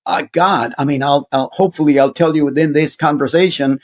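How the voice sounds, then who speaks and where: Pitched on the high side, this man talks briskly in a steady tone. He's a university center director appearing as an interview guest, and he recounts stories conversationally and earnestly, hesitating often and leaning on fillers.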